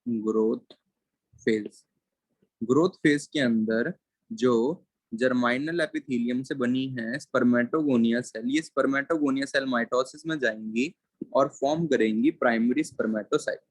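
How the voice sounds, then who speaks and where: A male biology teacher giving a classroom lecture, dictating slowly and repeating key terms word by word, mixing English terms into his explanation. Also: medium pitch, no room sound. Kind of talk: classroom lecture with board writing.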